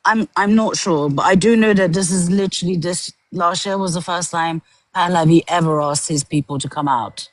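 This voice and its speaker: A woman's voice: lowish voice, moderate pace, dry recording, rough recording. Woman from iran on a live call-in, laughy, hedges a lot, super dry sound. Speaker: guest. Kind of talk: political debate on a livestream.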